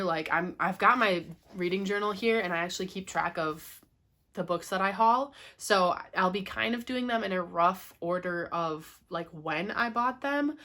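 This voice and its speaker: A young booktuber hosts a casual book haul vlog in a fairly bright voice on the low side, made congested and cracky by a cold. She's chatty, laughs often and fills her speech with ums and likes.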